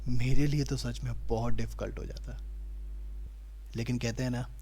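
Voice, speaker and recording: A young man narrating a travel video in a calm, hushed voice, sometimes close to a whisper. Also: mid-range voice, normal speed, a little hiss or hum. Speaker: travel vlogger. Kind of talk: soft scripted narration.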